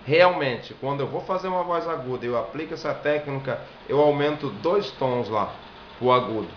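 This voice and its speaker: A Brazilian man who teaches singing and viola gives a singing lesson, explaining step by step and demonstrating vowel sounds. He has a mid-range voice, a moderate pace, and a Brazilian Portuguese accent. The room is echoey, and the sound is dull and lo-fi with faint hiss.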